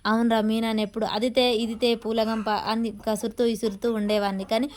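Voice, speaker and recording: Woman putting on a hot-tempered young husband, loud grumbling, high quick voice. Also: flat delivery, slight background noise, natural voice. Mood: wistful. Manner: shouting, grumbling complaints.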